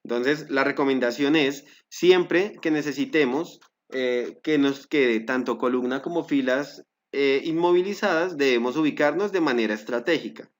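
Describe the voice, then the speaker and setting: A man teaching a step-by-step software tutorial, guiding viewers with frequent fillers and self-corrections. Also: medium pitch, normal speed, few pauses. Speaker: Excel instructor. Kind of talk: screen-recorded software tutorial.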